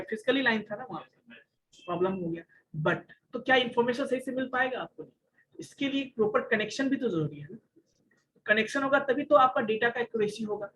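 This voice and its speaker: A man's voice: extremely high pitch, a bit bright, slight background noise, rough recording. A male college lecturer teaching an online class, mixing English terms into his talk, explaining with everyday examples and asking his students questions.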